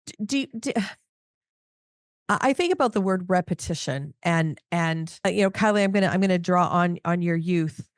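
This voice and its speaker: A woman's voice: fairly low pitch, moderate pace, no room sound, clean studio sound. A middle-aged woman interviewing on a podcast, talking thoughtfully with frequent restarts and "you know"s. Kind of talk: casual podcast chat.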